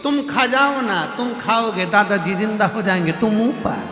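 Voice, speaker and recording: Little grandson voiced by a man, high childlike pleading, bright, echoey hall. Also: normal speed. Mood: cheeky. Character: little grandson, cheeky and innocent. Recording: echoey hall, faint music behind.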